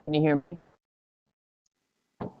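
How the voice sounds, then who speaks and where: A woman talking in an earnest, halting way from outdoors on her phone, her voice breaking up over a bad call connection. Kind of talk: casual spiritual chat. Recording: dull lo-fi call audio.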